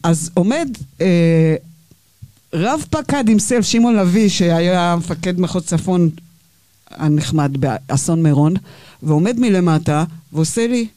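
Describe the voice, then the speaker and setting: A woman, a podcast guest and basketball fan, telling a lively anecdote and acting out both sides of the quoted arguments. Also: lowish voice, dry recording.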